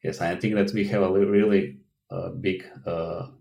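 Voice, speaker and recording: Deep-voiced man with halting speech. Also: fairly even intonation, gravelly, a little mellow, slight background noise, poor audio. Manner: halting, many fillers and restarts, non-native grammar. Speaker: guest. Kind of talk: interview answers.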